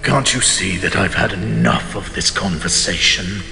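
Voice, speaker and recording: A man's voice: deep voice, moderate pace, creaky, pushed and bright, exaggerated voice. A man playing a haughty, betrayed immortal king in a fantasy audio drama, pompous and sardonic in formal archaic speech. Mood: mocking, dismissive. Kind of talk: dramatic audio roleplay monologue. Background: music.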